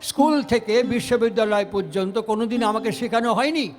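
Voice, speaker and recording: A man with a Bengali accent preaches a devotional sermon with great fervor, firing rhetorical questions and chanting lines of scripture. His voice sits very high for a man. Instrumental music plays clearly behind him. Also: brisk.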